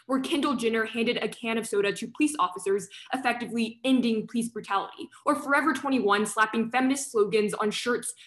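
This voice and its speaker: A young woman delivering a competitive debate speech over a video call, rapid and assertive. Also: on the high side, fairly bright tone.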